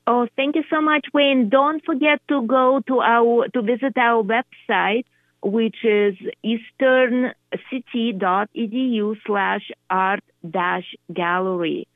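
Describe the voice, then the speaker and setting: A woman in her fifties from Russia with a Russian accent, a guest speaking haltingly with many pauses and fillers. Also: a little high, steady tone, no echo. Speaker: art gallery coordinator, guest. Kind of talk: radio interview by phone. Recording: tinny phone line.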